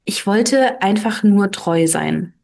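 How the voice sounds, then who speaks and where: An earnest young man, faithful and bewildered, asking one question after another, as a woman voices him in a storybook. His voice sits slightly higher and stays near the reader's own. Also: lively intonation, slow, gravelly, darkish tone, full character voice. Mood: puzzled.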